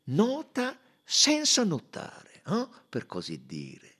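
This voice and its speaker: Guy doing a fussy old detective in an audiobook, high and sing-song, coaxing, insistent. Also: wildly swooping pitch, slow, pushed and bright, husky, exaggerated voice. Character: fussy, probing older male detective. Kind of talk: audiobook reading.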